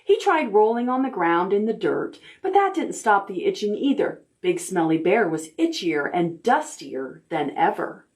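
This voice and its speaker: A woman librarian leads a preschool storytime in a roomy, echoing space, her voice sitting a little back from the camera mic. She speaks in a cheerful, encouraging, child-directed way at an ordinary mid pitch. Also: big pitch swings, far from the mic. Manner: cheerful, slow and encouraging, talking to small children. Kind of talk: preschool storytime, reading aloud and counting with kids. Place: library room.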